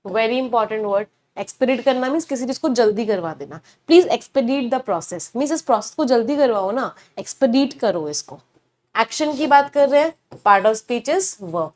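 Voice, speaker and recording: Young female English teacher, fairly high voice, bilingual explainer who quizzes herself aloud. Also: darkish tone. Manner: explains words in Hindi mixed with English, asks rhetorical questions. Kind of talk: online vocabulary lesson.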